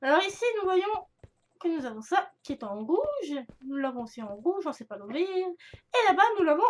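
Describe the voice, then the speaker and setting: A woman's voice: extremely high pitch, big pitch swings, moderate pace. A young woman chatting casually through a gaming video, rambling with many fillers and restarts. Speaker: gaming youtuber. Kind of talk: casual let's-play commentary.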